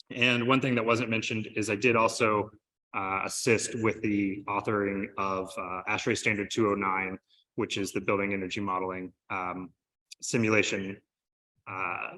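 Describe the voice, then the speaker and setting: A man's voice: lowish voice, bright, forceful tone, poor audio. A man from the United States in his thirties giving a conference presentation, upbeat and conversational, with many fillers. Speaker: conference speaker. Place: conference room.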